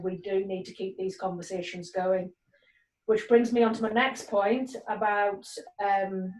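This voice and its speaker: Sitting far from her microphone, so the call audio sounds roomy and distant, a sergeant in community cohesion policing speaks earnestly and fairly flatly. She's in her forties, from Nigeria and Northern Ireland, has a mid-range voice, and often pauses on ums and restarts.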